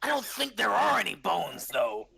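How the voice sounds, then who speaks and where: A man's voice: high-pitched, wildly swooping pitch, normal speed, vocal fry, crowd noise. A man running a tabletop game as game master, narrating off the cuff in a casual, chatty way.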